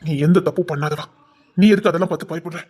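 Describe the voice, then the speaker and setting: A man's voice: expressive, a little fast, heavily acted. A man playing a bitter, vengeful husband in Tirunelveli Tamil. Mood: reassuring. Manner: bitter, scolding, swinging between shouts and low mutters. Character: wronged, vengeful middle-aged husband. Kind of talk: dubbed family drama.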